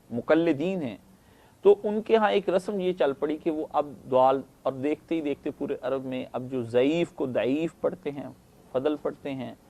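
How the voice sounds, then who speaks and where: A man's voice: on the high side, gravelly, a little mellow. A man from Pakistan, giving a conversational Islamic lecture and checking in with his listeners. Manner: conversational storytelling lecture, asks listeners "right?". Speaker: religious lecturer.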